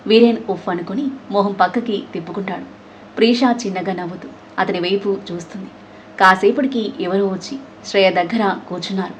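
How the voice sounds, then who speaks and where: A woman storyteller giving steady, scripted story narration. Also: medium pitch, fairly quick, slight background noise, low-quality recording.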